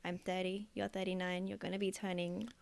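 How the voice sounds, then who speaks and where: With a gravelly, lowish voice and a flat, brisk delivery, this thirtysomething Australian woman chats casually as a podcast co-host. She fills her talk with frequent fillers and laughs easily.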